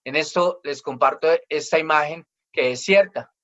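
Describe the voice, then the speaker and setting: A man's voice: on the high side, normal speed, fairly bright tone, muffled recording. A man in his forties preaching a family sermon as pastor, emphatic, and he acts out children's complaints in quoted voices.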